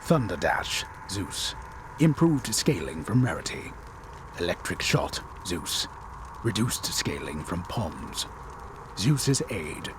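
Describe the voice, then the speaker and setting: A man's voice: sits low, sing-song, slow, background noise. A man giving a hammy, theatrical stage-actor reading of game patch notes.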